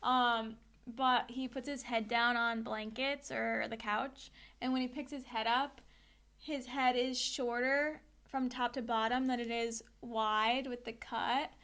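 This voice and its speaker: Woman co-hosting a podcast, kinda high voice, giggly and gushy. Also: fairly even intonation, unhurried, fairly bright tone. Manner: gushing and giggly. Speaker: podcast co-host. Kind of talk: casual chat.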